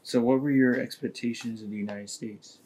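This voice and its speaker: A man's voice: mid-range voice, fairly even intonation, moderate pace, a little mellow, husky, rough recording. A man interviewing a woman for an oral history, asking short, plain questions. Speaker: student interviewer.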